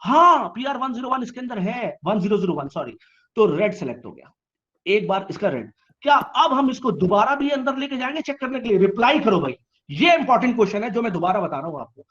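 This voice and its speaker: A man tutoring a live online class, asking questions and answering them himself, teasing students to reply quickly. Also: high voice, sing-song, a bit bright, dull audio.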